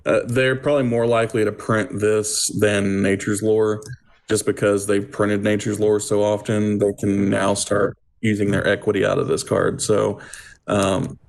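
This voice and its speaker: A man with a gravelly, fry-edged voice talks in a loose, rambling way. He co-hosts a casual chat and keeps drifting into jokey tangents. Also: fairly low pitch, level tone, a little slow. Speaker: podcast co-host.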